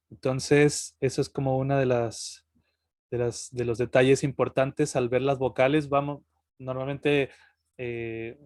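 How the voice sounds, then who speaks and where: Man, workshop teacher, halting relaxed delivery, mid pitch, close dry sound. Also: no echo. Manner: relaxed, halting, many fillers and restarts. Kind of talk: online workshop lesson.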